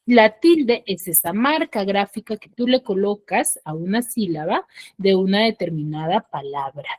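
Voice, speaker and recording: A woman teacher giving an online class, explaining step by step. She keeps asking quick questions and answering them herself, and checks in with short "¿ya?" tags. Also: mid-range voice, expressive. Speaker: school teacher.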